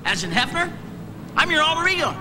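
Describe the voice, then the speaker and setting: An actor playing a tiny, rude, lecherous alter ego who heckles and wisecracks in a sitcom. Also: male voice, very high-pitched, big pitch swings, fairly quick, noisy background. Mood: mocking. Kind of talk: sitcom acting. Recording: sitcom audio with loud studio audience laughter.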